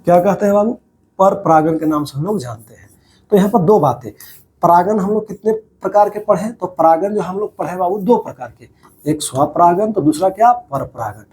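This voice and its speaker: A man's voice: high voice, normal speed, a little mellow, slight background noise. A man teaching a biology class over diagrams, repeating each key term as a question to his students and calling them "babu".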